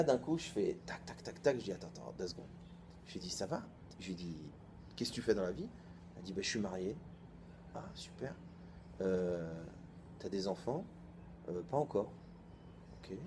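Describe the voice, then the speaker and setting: Low-voiced rabbi telling a lively story. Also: male voice, slight background noise. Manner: colloquial, lively, acts out both sides of a dialogue. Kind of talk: informal storytelling sermon.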